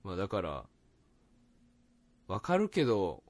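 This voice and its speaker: A man's voice: deep voice, measured pace, no room sound. A man co-hosting a podcast, talking loosely with lots of fillers and frequent laughter. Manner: lively, laughs often, loose filler-heavy talk. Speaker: podcast co-host. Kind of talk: casual chat.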